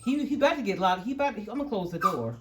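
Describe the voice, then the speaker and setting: A woman's voice: medium pitch, expressive, rapid-fire. Middle-aged woman, home cooking vlog host; firm with the dogs, plain step-by-step talk; faint dog noise behind. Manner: firmly scolds barking dogs, then explains steps plainly. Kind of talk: casual cooking demonstration. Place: home kitchen with dogs nearby.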